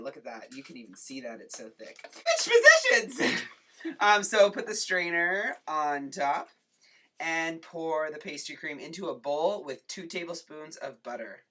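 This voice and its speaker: In a kitchen, a cooking show host runs a jokey home cooking demo full of playful asides and deadpan humor. The voice is medium-pitched, with slight background noise.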